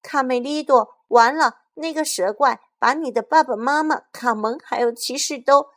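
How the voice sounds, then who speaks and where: A woman's voice: sits high, normal speed, a bit bright, voice pushed up. A woman voicing a frightened young boy in a storybook, speaking with panicked urgency.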